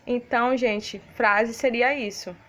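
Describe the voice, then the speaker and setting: A woman's voice: a little high, fairly even intonation, takes it slowly, a bit bright. A woman with a Brazilian Portuguese accent, a primary school teacher giving a recorded lesson to young children, patiently explaining and checking in with her pupils. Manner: patient, didactic, checks in often with "né, crianças?".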